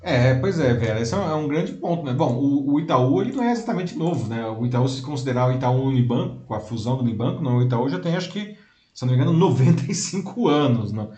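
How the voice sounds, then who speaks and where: A man's voice: medium pitch, expressive, quick pace, dark tone, roomy sound. A man co-hosting a live talk show, explaining at length in casual commentary and ending his points with tag questions. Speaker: co-host.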